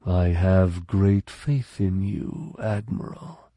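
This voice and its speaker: Narrator voicing a cold, slow-spoken colonel, low and measured, dry close sound. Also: male voice, dry recording, heavily acted. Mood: cool, controlled. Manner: slow, deliberately calm and measured. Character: calm, cold male military colonel.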